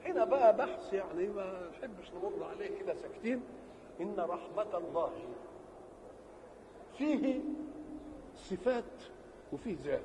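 A man with an Egyptian Arabic accent giving a religious lesson. He asks questions and answers them himself, and he stretches key words slowly for emphasis. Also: high-pitched, animated. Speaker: religious teacher. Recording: reverberant hall with faint background noise.

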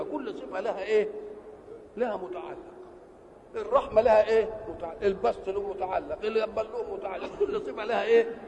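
A man's voice: creaky, noisy background. An older man with an Egyptian accent explaining a Quran verse, asking rhetorical questions and answering them himself. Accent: Egyptian Arabic. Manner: uneven loudness, often dropping low. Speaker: religious scholar. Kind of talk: Quranic exegesis lesson. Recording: old lo-fi hall recording with echo.

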